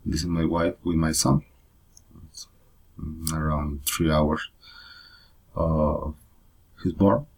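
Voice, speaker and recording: A man from Rica, giving a halting personal presentation in learner's English, full of pauses and uh fillers. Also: rumbling low, creaky, darkish tone. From Costa Rica. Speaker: presenter of a personal photo story.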